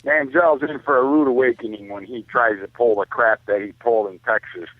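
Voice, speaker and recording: An American man delivers emphatic, opinionated sports commentary in a casual, colloquial style, repeating himself to drive his points home. His mid-range voice moves briskly in a dry recording with a muffled, lo-fi, phone-like radio sound.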